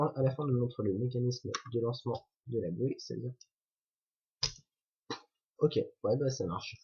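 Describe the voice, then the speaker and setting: Husky man chatting through a toy build. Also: mid-range voice, dark tone. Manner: chatty, jokey, self-correcting. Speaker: toy reviewer. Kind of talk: casual building commentary. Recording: dull lo-fi recording.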